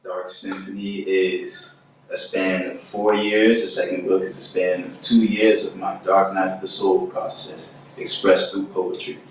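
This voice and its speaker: Deep, flat-voiced male poet. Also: a little slow, a little hiss or hum. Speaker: published poet, guest. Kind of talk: calm explanation. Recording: echoey room, distant mic, faint ambience.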